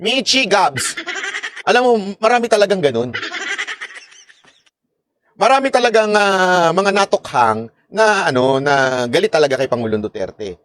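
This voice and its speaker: A man's voice: high-pitched, very animated, measured pace, pauses often, fairly bright tone. A man from the Philippines doing casual live-stream political commentary, joking and mocking, laughing often and acting out the lines he quotes.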